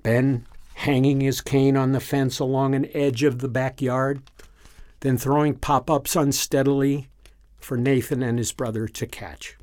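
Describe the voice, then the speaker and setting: A man narrates a story in an even, unhurried reading voice. His pitch sits in the ordinary middle range. The recording is close and dry with no room echo.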